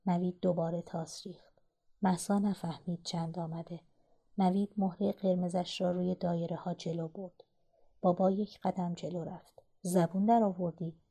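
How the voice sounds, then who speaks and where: A woman narrating a short story in a calm, even reading. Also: fairly low pitch, breathy edge.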